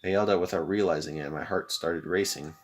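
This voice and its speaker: A young man hosting a let's play, reading a visual novel aloud with expressive commentary. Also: low voice, fast talker.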